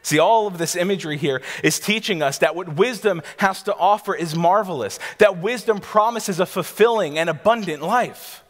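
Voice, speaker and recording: A man's voice: high-pitched, normal speed, few pauses. A man in his thirties, a pastor, preaching a sermon from a church stage and picturing scenes for his listeners. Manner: teacherly, pictures scenes for listeners, some restarts. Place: church stage before a seated congregation. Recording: long hall reverb of a church.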